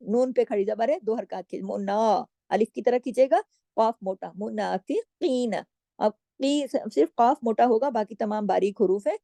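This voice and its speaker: A woman teaching Quran recitation rules to female students, explaining each letter patiently and drawing out the recited words slowly. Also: on the high side, creaky, warm tone, no room sound. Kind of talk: tajweed lesson.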